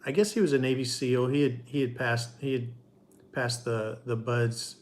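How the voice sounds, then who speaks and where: A middle-aged man co-hosting a livestream, telling a story casually in short, halting pieces. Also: mid-range voice, fairly even intonation. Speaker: livestream co-host.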